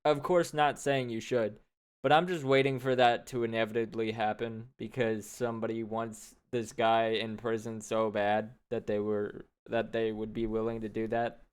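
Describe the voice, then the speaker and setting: A man's voice: on the low side, flat delivery, moderate pace, smooth. A man co-hosting a reaction video, chatting casually with blunt, incredulous remarks and slang. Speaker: co-host reacting.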